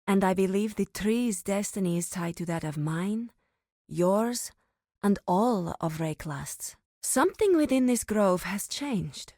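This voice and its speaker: Oshabi, slow-spoken, reverent grove priestess. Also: female voice, mid-range voice, animated, mellow, no echo, clean studio sound. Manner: measured, reverent, mystical, formal phrasing. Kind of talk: scripted video game character dialogue.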